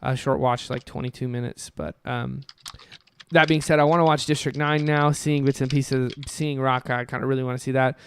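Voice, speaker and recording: There's a little hiss or hum behind this young man's medium-pitched, fairly quick voice. Co-hosting a podcast, he rambles eagerly through casual chat full of fillers.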